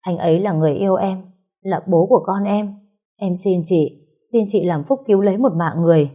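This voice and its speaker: A woman's voice: fairly low pitch, brisk, mellow, breathy edge. A woman voicing a desperate young wife and mother who begs tearfully, in a storybook reading. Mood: pleading. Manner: tearful begging. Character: desperate young pregnant-mother daughter, pleading.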